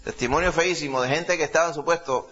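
A preacher delivers a sermon with emphatic conviction. He keeps posing rhetorical questions to his listeners in a somewhat higher male voice. The recording is muffled and lo-fi. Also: fast, fairly bright tone. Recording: dull lo-fi recording.

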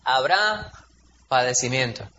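A man's voice: medium pitch, lively intonation, takes it slowly, bright, forceful tone, lo-fi sound, slight background noise. A man, preaching a sermon in a conversational, storytelling way, acting out quotes in a raised voice. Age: 40s.

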